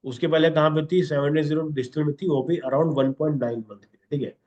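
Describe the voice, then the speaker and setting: A man's voice: a little high, fairly even intonation, brisk, a little mellow. A man teaching a class in a lesson, checking in with "okay?" after nearly every point. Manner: instructive, repeats 'okay?' constantly. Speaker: instructor.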